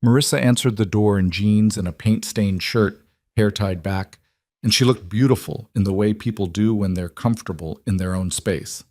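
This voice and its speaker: Low-voiced male story narrator. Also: normal speed, a little mellow, no echo, studio quality. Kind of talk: scripted narration.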